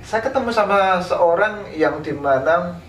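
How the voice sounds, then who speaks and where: A man from East Java, an interviewed painter, tells his life story in a casual, unhurried way with many fillers. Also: sits high, animated. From East Java, Indonesia. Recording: roomy, from a distance, faint background noise.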